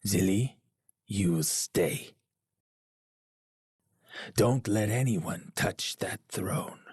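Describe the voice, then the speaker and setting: An actor playing a proud, paranoid warrior king in a game cutscene, with a gravelly, husky voice and an imperious, scornful manner. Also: lowish voice, a little mellow, dry recording, clean studio sound, heavily acted. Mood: commanding, menacing. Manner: imperious, scornful, slow and deliberate. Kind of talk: dramatic video game cutscene acting.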